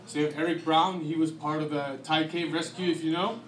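A man in his thirties from Iceland with an Icelandic accent, giving a relaxed, conversational slide talk on a handheld mic with many fillers. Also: on the high side, fairly quick, slight background noise. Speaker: guest presenter. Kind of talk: slide presentation to an audience. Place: dim restaurant event room. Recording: echoey room.

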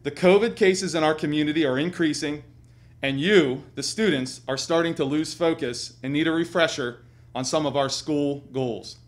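A middle-aged man speaks as a school administrator, delivering a formal prepared address to students. His voice sits a little higher than most men's. He is seated at a desk in a small school studio. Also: normal speed.

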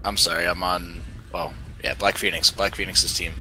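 Bright, lowish-voiced man on game chat. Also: level tone, moderate pace. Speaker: online game player leading a team. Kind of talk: casual voice chat during a game. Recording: game voice chat with engine rumble.

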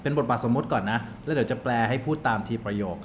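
A man's voice: mid-range voice, very fast. A man teaching a language lesson, explaining in an upbeat, chatty way with many polite particles. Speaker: English teacher. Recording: clear background noise.

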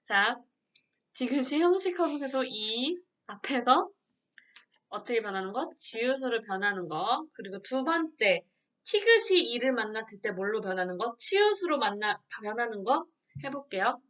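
Bright-voiced woman teacher explaining pronunciation. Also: fairly high pitch, big pitch swings, moderate pace. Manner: explains patiently, asks students questions and answers them herself. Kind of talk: online Korean grammar lesson.

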